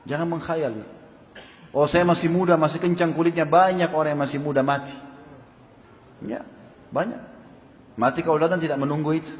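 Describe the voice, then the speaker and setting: A male preacher giving a sermon, telling stories in an animated way and questioning the audience. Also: a little high. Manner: animated storytelling with questions to the crowd. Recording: long hall reverb.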